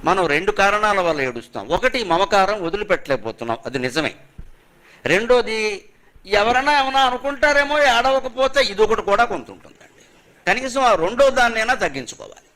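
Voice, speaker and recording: A man's voice: high-pitched, sing-song, bright, forceful tone. Emphatic man giving a discourse. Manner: emphatic rhetorical questions, chants verses slowly. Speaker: spiritual speaker. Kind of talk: religious discourse.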